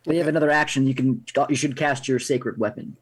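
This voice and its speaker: A man's voice: medium pitch, fast talker, breathy edge. A man at a tabletop game, helpfully explaining rules to another player.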